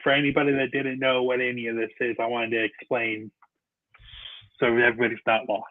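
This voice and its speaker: A man's voice: mid-range voice, flat delivery, fairly quick, no room sound. A man hosting a casual chat, rambling and restarting as he explains things. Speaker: podcast host. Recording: tinny phone-line sound, dry.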